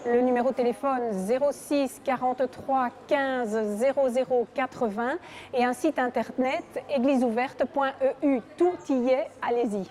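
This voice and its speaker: A woman's voice: high voice, fairly even intonation, normal speed, a little mellow. A middle-aged woman, a heritage association founder, speaking with enthusiasm and many hesitations in an outdoor interview. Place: outdoors at a church event. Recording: crowd audible behind.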